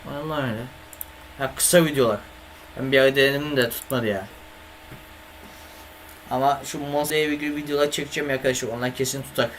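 A man's voice: medium pitch, fairly even intonation, fast, pauses often, fairly bright tone, slight background noise. Man grumbling through a live gaming stream. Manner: swears and grumbles at the computer, talks to chat. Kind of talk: casual live-stream chat.

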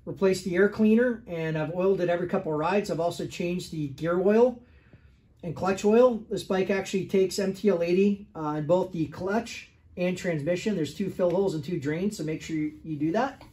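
Higher-voiced man walking through a workshop bike. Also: moderate pace, mellow. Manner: plain, matter-of-fact listing of details with fillers. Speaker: restoration shop owner selling a motorcycle. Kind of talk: casual product walkaround. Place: indoor motorcycle workshop.

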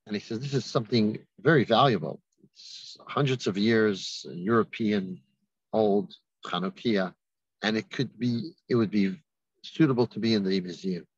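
A man giving a rabbi's holiday message, telling a story in an unhurried way and lifting his voice for the people he quotes. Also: on the low side, husky, no echo, dull audio. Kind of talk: sermon with storytelling.

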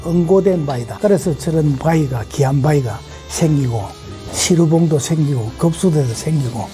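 Low, mellow middle-aged woman. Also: moderate pace, soft background music. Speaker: local resident, woodcraft shop owner. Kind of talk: casual talk show chat and explanation.

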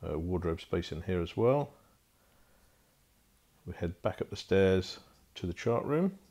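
Male broker, low gravelly voice, casual unscripted tour with lots of fillers, phone-recorded indoors. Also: lively intonation, a little slow, mellow. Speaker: boat broker. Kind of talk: walkthrough tour narration. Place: inside a wooden barge cabin.

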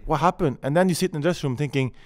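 Speaking rapid-fire in a fairly high voice, this man from Norway, a former footballer in his forties, spins animated anecdotes as a podcast guest. His English is slightly broken and he gestures as he talks in the relaxed chat. A stand-mounted desk microphone picks him up in a compact studio backed by bright colours.

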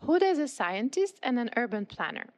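A woman hosting a podcast, reading a smooth, scripted introduction of the guest. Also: fairly high pitch, big pitch swings, a little fast, a little mellow, soft background music. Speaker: podcast host narrator. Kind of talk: scripted narration.

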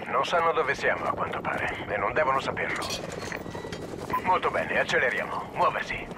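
A man's voice: medium pitch, big pitch swings, moderate pace, natural voice. An actor playing a terse male squad commander who gives clipped orders in a war game. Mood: commanding. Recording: game audio with battle noise.

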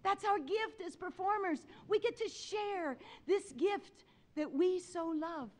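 A woman's voice: very high-pitched, slow pace, pitched above the performer's own voice. A woman putting on the voice of her stern, impassioned male piano professor, with a Spanish accent and an insistent, scolding delivery.

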